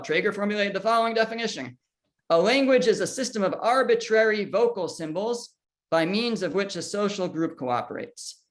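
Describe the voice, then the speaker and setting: Man teaching a class, asking questions. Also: high voice. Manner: asks the listeners questions and answers them, with small restarts. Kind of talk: explanatory lecture.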